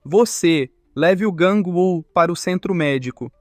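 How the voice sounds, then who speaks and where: A man's voice: high-pitched, measured pace, no echo, studio quality, faint music behind. A man voicing a stern male training instructor giving curt commands. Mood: commanding.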